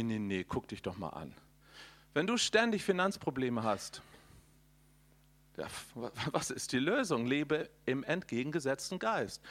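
A middle-aged man preaches a charismatic sermon. His voice sits a little high, and his delivery is folksy and animated. He addresses his listeners directly and adds sound effects. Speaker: preacher and conference speaker.

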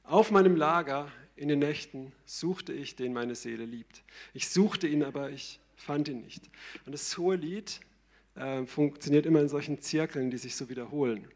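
A man preaching a sermon in a conversational, lively way, often checking in with "ja?". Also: on the high side, moderate pace.

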